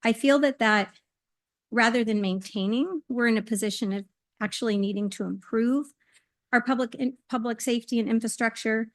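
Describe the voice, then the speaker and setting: A woman with a slightly high voice speaks earnestly and in a measured way during public comment in a council meeting hall. Standing at the podium microphone, she restarts hesitantly now and then.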